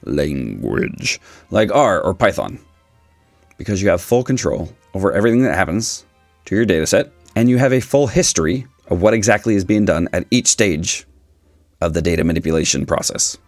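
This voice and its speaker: A man in his forties with a raspy voice, giving a casual, opinionated explainer with dry humour. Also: low-pitched, brisk, dry recording, faint music behind. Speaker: video host, statistics teacher. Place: small dim indoor room, seated.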